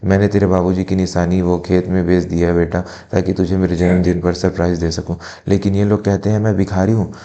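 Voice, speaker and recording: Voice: low voice, level tone, a little fast, few pauses, warm tone. A performer voicing a poor, dignified elderly mother who pleads earnestly in a family drama. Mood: tearful.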